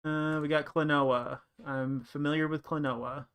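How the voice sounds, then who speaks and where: A man's voice: a little high, fairly even intonation, unhurried, a bit bright, smooth. A young man chatting casually on a live stream, thinking aloud and rambling with lots of fillers.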